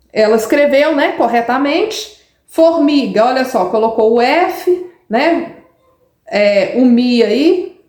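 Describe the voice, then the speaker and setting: A Brazilian woman with a high voice, speaking as a literacy teacher. She talks in a patient, explanatory way and often checks in with the listener. The sound is roomy and echoing. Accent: Brazilian Portuguese. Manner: patient, explanatory, frequent tag questions. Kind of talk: explaining pupils' writing samples. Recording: echoey room.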